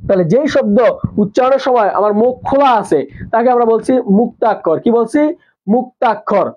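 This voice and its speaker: A man's voice: very high-pitched, a little fast, a little mellow, highs cut off. A man teaching a live online class, asking his students questions and answering them himself while repeating the key terms. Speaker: nursing admission teacher.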